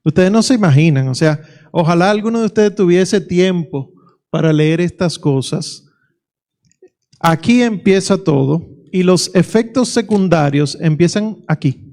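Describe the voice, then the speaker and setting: A man's voice: sits high, lively intonation, a little slow, a little mellow. A male physician giving a conversational lecture at a conference, emphatic and full of rhetorical questions. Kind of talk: lecture to a pro-life audience. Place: conference hall.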